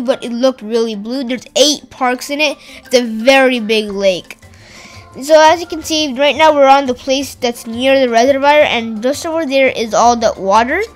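A woman's voice: high-pitched, low-quality recording. A woman narrating a travel vlog in a casual voice-over, chatty, with frequent fillers and restarts. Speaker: travel vlogger.

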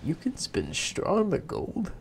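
A man's voice: sits high, huge pitch swings, measured pace, gravelly, slight background noise, voice pushed up, full character voice. A man voicing a sly, snappish little imp who bargains.

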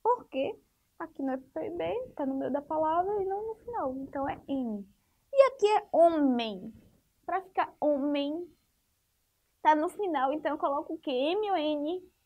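A woman's voice: sits high, lively intonation, normal speed, phone-quality sound. A woman teacher giving a spelling lesson to young children, asking the class questions and patiently repeating each rule. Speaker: primary school teacher.

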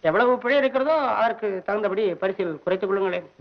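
A whiny, fretful poor poet. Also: male voice. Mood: bickering. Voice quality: whiny, high and quick-tempered. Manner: complaining, sarcastic, talks to himself. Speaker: comic lead in a devotional film. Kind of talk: 1960s Tamil film acting. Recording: dull old film soundtrack.

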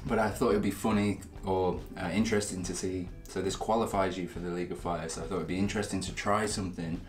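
A man's voice: low voice, little pitch movement, quick pace, reverberant. A man hosting a casual spicy food challenge video, chatting in a self-deprecating way while he eats. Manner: chatty, self-deprecating, talks with mouth full. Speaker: channel host. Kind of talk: casual chat while eating.

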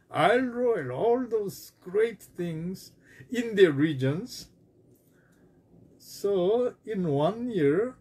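Slow, husky-voiced male pastor preaching. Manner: slow, emphatic preaching with wide pitch swings. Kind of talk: sermon.

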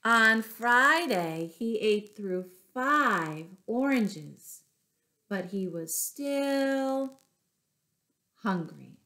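Slow, high-voiced woman reading to children. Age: middle-aged. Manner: deliberate, expressive phrasing with asides to children. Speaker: children's storyteller, teacher. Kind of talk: picture-book read-aloud to young children. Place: small furnished room at home.

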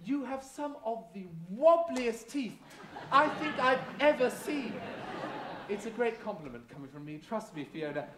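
Man as a high, swooping pantomime dame. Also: expressive. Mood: sly, teasing. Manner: theatrical, grandiose, drawn-out delivery. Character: flamboyant, boastful female tooth fairy godmother with sinister edge. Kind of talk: live stage pantomime monologue with audience banter. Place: large theatre stage, indoors. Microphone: distant camera in the audience. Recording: echoey noisy theatre recorded from the audience.

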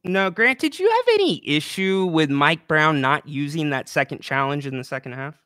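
Speaking into a podcast microphone on a boom arm, this young male co-host runs through a brisk, upbeat, promotional play-by-play recap for a casual postgame basketball chat. His fairly high voice swings widely in pitch and sounds pushed, bright, clear and resonant. The small room holds a plant and a banner, yet the recording is clean studio sound with no echo.

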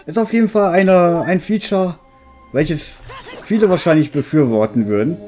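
Mellow, dryly grumbling male let's player. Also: fairly high pitch, moderate pace. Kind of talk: casual game commentary. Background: game music.

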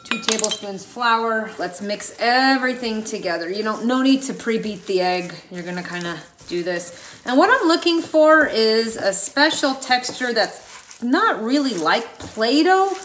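A woman's voice: a little high, fairly bright tone, far from the mic. Woman cooking in an echoey kitchen. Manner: chatty, instructive, talks while working. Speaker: guest chef. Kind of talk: home cooking demonstration. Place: home kitchen, indoors. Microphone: camera across the kitchen. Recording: echoey kitchen, voice from off-mic, faint noise.

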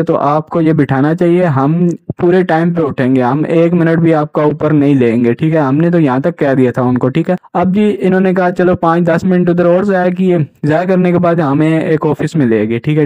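A man's voice: fairly high pitch, fairly even intonation, fairly quick, hardly any pauses, warm tone, dry recording. Indignant young man, dull lo-fi. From Pakistan. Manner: indignant, keeps asking "right?" as he recounts. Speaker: jobs channel host. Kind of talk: casual first-person account to camera. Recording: dull lo-fi recording.

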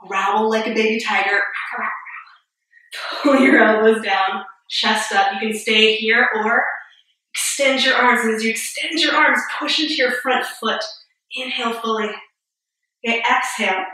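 Slightly winded, a woman in her thirties teaches yoga, giving steady cues one step at a time with a touch of humor. Her bright, clear voice sits on the high side at a moderate pace, captured from a distance in a highly reverberant space.

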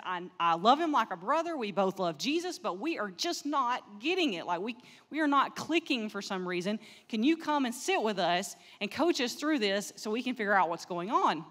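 A woman's voice: a little high, a bit bright. A middle-aged woman telling a story in a chapel talk, easygoing and chatty. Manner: easygoing, chatty with fillers and laughs. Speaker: speaker, counselor. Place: large chapel. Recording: long hall reverb.

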